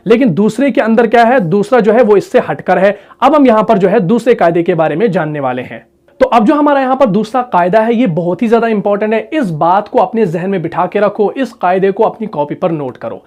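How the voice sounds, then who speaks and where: A man teaching a Quran recitation lesson, asking the class rhetorical questions, repeating key points and reciting example words slowly and drawn out. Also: high-pitched, a little mellow. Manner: asks the class rhetorical questions and answers them.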